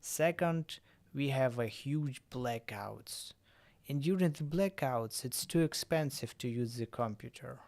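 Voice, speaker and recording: Slow gravelly man with English. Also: mid-range voice, darkish tone. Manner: halting, self-correcting non-native English. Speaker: streamer. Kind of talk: casual game stream chat.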